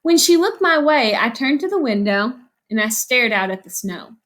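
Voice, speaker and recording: This elementary teacher reads a picture book to children at normal speed, her slightly high, bit-bright voice very animated. Her approach is instructive, with questions she raises and then answers.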